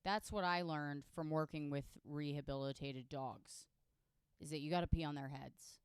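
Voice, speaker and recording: A woman's voice: low-pitched, fairly even intonation, moderate pace, smooth, no echo, clean studio sound. A woman co-hosting a casual comedy podcast, playful and emphatic with a mock-serious delivery. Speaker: podcast co-host.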